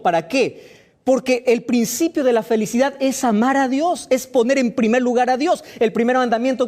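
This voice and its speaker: A man's voice: very high-pitched, a little mellow. A pastor preaching a sermon, firing rhetorical questions at his listeners with emphatic delivery.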